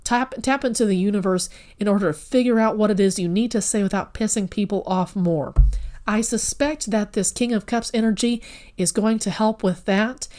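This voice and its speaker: A woman talks straight to her viewers while she reads tarot cards. She sounds earnest and a little rambling, and she corrects herself partway through sentences. Her voice sits in a medium pitch range. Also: a little mellow. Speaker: tarot reader. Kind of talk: casual spoken tarot reading.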